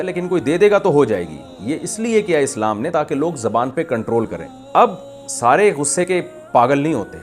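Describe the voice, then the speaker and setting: A man with a Pakistani Urdu accent giving an emphatic religious lecture, explaining with repeated examples. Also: on the high side. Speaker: Islamic preacher. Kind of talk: religious lecture answering a question.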